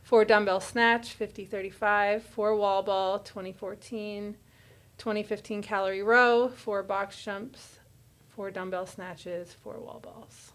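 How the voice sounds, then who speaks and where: Casting: mid-range female voice, brisk gym podcast guest, quick workout rundown. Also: medium pitch, steady tone. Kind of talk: casual podcast chat.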